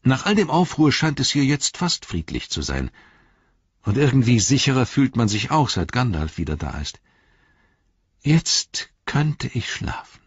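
A man's voice: mid-range voice, very animated, measured pace, slightly rough, no room sound, dull audio, pitched above the performer's own voice. A man voicing a young male hobbit recounting events in an audiobook. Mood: storytelling. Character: young male hobbit telling his story.

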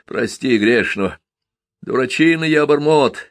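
A man voicing a brash young runaway fellow who jeers and shouts taunts at an older peasant. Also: mid-range voice, animated, normal speed, no echo, clean studio sound, voice pushed up, close to an everyday voice. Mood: mock-pleading.

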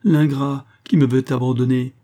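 A man's voice: medium pitch, little pitch movement, normal speed, warm tone, voice pushed up, natural voice. A man reading the part of a tearful young noblewoman, pleading and distressed, in an audiobook. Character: young woman, tearful noblewoman torn by love.

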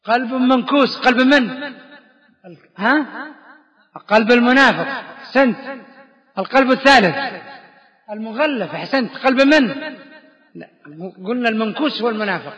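A man teaching Quran exegesis to a study circle, firing quick questions at his students and praising their answers briskly. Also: very high voice, animated, fairly bright tone. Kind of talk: classroom question-and-answer lesson. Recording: dull reverberant lo-fi hall recording.

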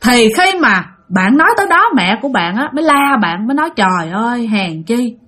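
A woman with a Southern Vietnamese accent narrating a ghost story in an animated, chatty way, speaking straight to her listeners. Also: high-pitched, brisk.

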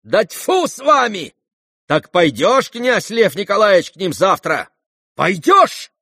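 Гневная пожилая дворянка в исполнении мужчины, высоко, сухая запись, аудиокнига. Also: male voice, sits high, big pitch swings, slow pace, vocal fry, sharp tone, no room sound, studio quality, pitched above the performer's own voice, heavily acted. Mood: indignant. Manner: indignant, scolding, exclamatory. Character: imperious, furious older noblewoman scolding guests. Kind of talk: audiobook character reading.

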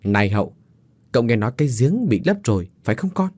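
A man's voice: medium pitch, sing-song, fast talker, darkish tone, no room sound. A man as an uneasy young uncle. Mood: reassuring. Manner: reassuring, tense.

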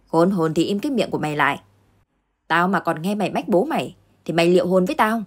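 A cruel stepmother snarls threats in a low, husky voice with a hard, contemptuous edge, as a woman acts her out. It is a story-reading voice rather than a full character voice. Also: animated, fast talker. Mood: threatening. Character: cruel scheming stepmother, harsh young woman.

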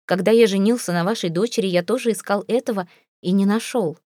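Exasperated proud young husband in an audiobook, read by a woman, clipped and indignant, mellow dark tone. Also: medium pitch, fast, no echo, studio quality, lightly acted. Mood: irritated. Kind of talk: audiobook character reading.

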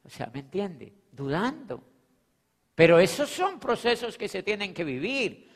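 A man giving an animated, emphatic motivational talk, repeating phrases and checking in with his audience. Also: high voice, measured pace. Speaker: motivational speaker. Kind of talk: live motivational seminar talk. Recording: long hall reverb.

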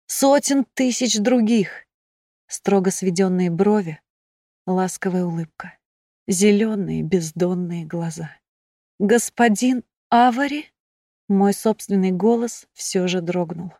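A woman narrates a novel slowly and with measured expression. Her voice sits at an ordinary pitch, and the recording is dry and close. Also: dark tone, no room sound. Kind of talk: audiobook narration.

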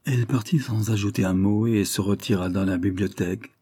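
A man reading a classic novel aloud in a measured, literary narration. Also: fairly low pitch, fairly even intonation, warm tone, breathy edge, no echo, studio quality. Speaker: audiobook reader.

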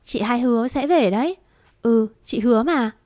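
A woman's voice: a little high, normal speed, a little mellow, no echo, close to an everyday voice. A woman narrating a storybook and voicing a frightened young woman servant who pleads with urgency. Her voice stays close to her own reading voice. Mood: pleading.

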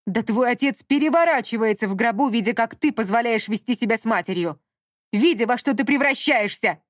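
A woman voicing a domineering, guilt-tripping middle-aged mother who talks down slowly and scolds, in a dry audiobook reading. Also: medium pitch, lively intonation, no echo, close to an everyday voice. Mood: scornful. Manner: slow, scolding and condescending.

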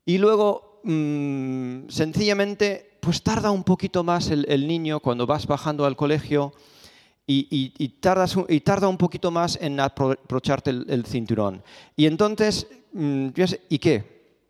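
A male pastor preaches, telling stories and hammering points home through rhetorical questions and repetition. His voice sits a bit high and carries a long reverb the church hall. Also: lively intonation, measured pace, darkish tone, clear, resonant tone. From Spain. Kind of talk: sermon. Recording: echoey hall.

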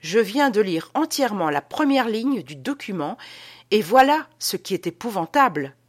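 An alarmed, excitable gentleman in a spoken storybook, voiced by a woman reader, raising his voice well above her usual tone. He speaks in urgent, emphatic bursts, pressing his points. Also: mid-range voice, takes it slowly, pitched above the performer's own voice. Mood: agitated urgent. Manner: agitated, emphatic exclamations. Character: anxious middle-aged Parisian man, Adolphe.

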